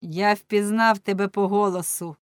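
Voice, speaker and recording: A woman voicing a bold young male hero who accuses and declaims forcefully. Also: lowish voice, animated, moderate pace, no room sound, studio quality. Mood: accusing.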